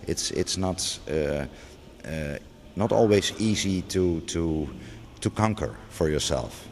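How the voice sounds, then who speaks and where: A middle-aged male museum curator speaks off the cuff in an unscripted interview inside a large gallery, hesitating often with restarts and fillers. His voice is low and darkish, with lively intonation and a slow pace. The room adds long reverb, with faint background noise underneath.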